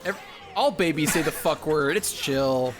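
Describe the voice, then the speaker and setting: A man's voice: fairly high pitch, unhurried, over music. Mock-boastful man joking over gameplay. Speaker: co-host playing a video game. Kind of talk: casual gameplay commentary.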